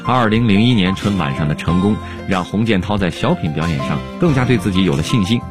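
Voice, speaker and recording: A man with a low voice narrates as a programme presenter. His delivery is formal and scripted, with clear music playing behind him. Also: expressive, quick pace. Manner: formal, promotional announcer delivery. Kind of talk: scripted narration introducing comedy clips.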